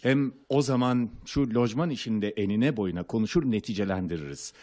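An actor playing a gracious district governor in a radio play, speaking formally, like an official making a speech. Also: male voice, fairly low pitch, a little fast, darkish tone, close to an everyday voice.

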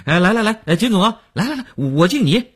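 A man voicing an eager, fawning young man who flatters important guests with many hesitations. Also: fairly low pitch, unhurried, husky, full character voice. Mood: forced cheer.

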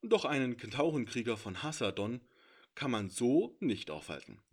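Casting: male audiobook narrator, measured, lively intonation. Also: mid-range voice, slightly rough. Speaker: author and narrator.

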